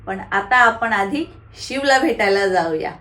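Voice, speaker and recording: A woman's voice: mid-range voice, animated, a little slow, bright, forceful tone, reverberant. A woman vlogger, chatting casually to her viewers and talking baby talk with a toddler. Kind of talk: casual vlog chat.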